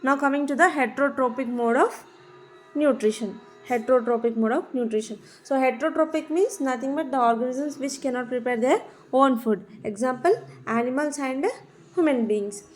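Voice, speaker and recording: A South Indian-accented woman teaches biology in a classroom lecture, explaining definitions. Her high-pitched voice moves at a moderate pace, and she is didactic and emphatic, repeating key terms.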